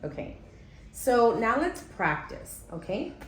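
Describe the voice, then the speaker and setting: Her voice sits on the high side with big swings in pitch, and she moves slowly through a demonstration reading lesson. Patient with her class, she keeps checking in with "okay?", recorded in an echoey room with faint ambience and a little hiss or hum.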